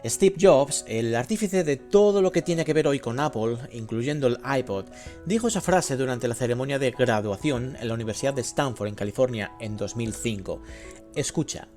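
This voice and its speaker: A man hosting a language lesson podcast, explaining in a lively, teacherly way. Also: medium pitch, moderate pace, soft background music. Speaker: host.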